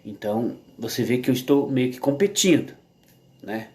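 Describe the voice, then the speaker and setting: A Brazilian man talks through a slow, casual vlog at home. His voice sits in an ordinary middle pitch. He rambles, restarts his sentences and keeps checking in with his listener. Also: expressive, mellow. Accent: Brazilian Portuguese. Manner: rambling and halting, with many restarts and tag questions. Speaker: vlogger. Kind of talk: casual monologue to camera.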